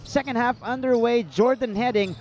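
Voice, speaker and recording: A man calling live basketball play-by-play in an indoor arena, rattling off quick play calls and shouting on the big plays. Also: very high voice, slight background noise. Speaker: play-by-play commentator.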